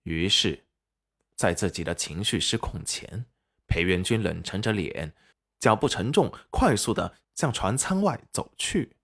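A man narrating a serialized web novel audiobook with expressive storytelling. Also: sits low, a little slow.

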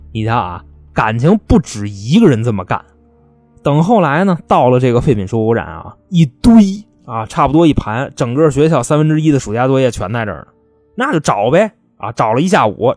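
A man's voice: medium pitch, a little mellow. A man telling a crime story in a chatty, colloquial way. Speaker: storyteller host.

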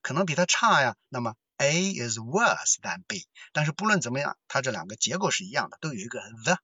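A man teaching an English lesson with a Mandarin Chinese accent, chatting in a lively way and joking about himself. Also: mid-range voice, very fast, slightly rough, no echo, dull audio. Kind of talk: lecture-style English lesson.

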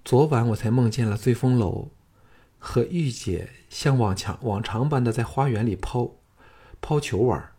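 A male narrator voicing a tender, wistful young palace consort in a raised, hushed voice. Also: medium pitch, expressive, normal speed, slightly rough. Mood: melancholy.

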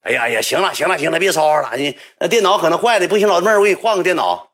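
A man's voice: on the high side, expressive, rapid-fire, a bit bright, pitched above the performer's own voice. A man voicing an easygoing male internet cafe attendant who talks in a casual, placating way with a Northeastern Mandarin accent.

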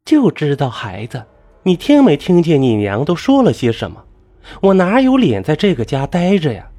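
Young village wife, bitter, reproachful, storybook, male reader voicing her, husky. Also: a little high, huge pitch swings, normal speed, mellow, pitched above the performer's own voice, heavily acted. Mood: upset. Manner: complaining, reproachful.

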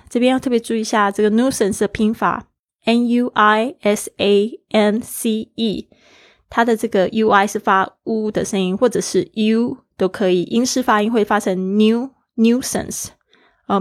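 A woman's voice: mid-range voice, fairly even intonation, normal speed, no echo, studio quality. A woman teaching an English lesson, explaining words and spelling them letter by letter, switching often between her own language and English.

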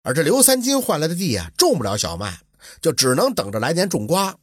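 Husky-voiced man telling a folk tale. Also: on the high side, brisk, no echo, clean studio sound. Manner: lively, colloquial storytelling. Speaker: storyteller.

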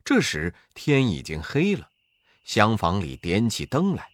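Slow, lively male storyteller. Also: lowish voice, no room sound, studio quality. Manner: expressive, rising and falling for effect. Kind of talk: storybook narration.

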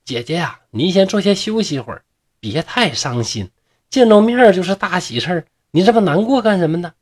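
An anxious older mother in a told ghost story, acted by a male narrator, exclaiming in a high, hurried voice. Her lines leap about in pitch as she fusses. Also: expressive. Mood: flustered. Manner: raised, flustered exclamations.

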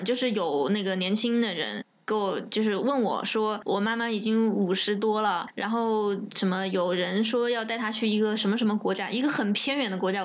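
A woman co-hosting a podcast, talking in animated casual chat with frequent laughs. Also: medium pitch. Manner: animated, laughing, quick asides. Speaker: podcast co-host.

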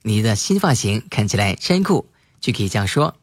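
A man teaching English vocabulary, spelling words letter by letter and repeating example sentences slowly. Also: lowish voice, sing-song, music in the background. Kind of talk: spoken English lesson.

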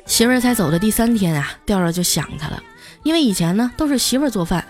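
Woman host spinning funny stories, really animated voice, soft music under it. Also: mid-range voice, quick pace. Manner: chatty, punchline-driven delivery. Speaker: comedy storyteller host. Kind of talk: scripted comedic storytelling.

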